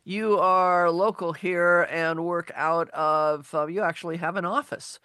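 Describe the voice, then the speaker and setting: A woman hosting a radio talk show, chatting warmly with lots of fillers and gushing words. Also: on the low side, fairly even intonation, measured pace, smooth, dry recording, studio quality. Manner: chatty and gushing, many fillers like gosh and golly. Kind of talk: casual radio chat. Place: radio studio. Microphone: studio microphone.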